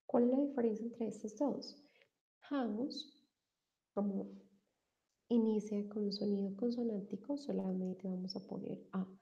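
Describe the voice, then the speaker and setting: Woman, English teacher, thirties, gravelly, very mellow, measured examples. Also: medium pitch, steady tone, highs cut off. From Colombia. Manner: switches between English and Spanish, slow modelled example answers. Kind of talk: bilingual online language lesson.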